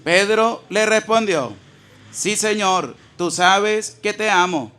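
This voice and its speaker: A man reading Bible passages aloud in a measured, deliberate way. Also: high-pitched, bright, forceful tone, smooth. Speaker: scripture reader.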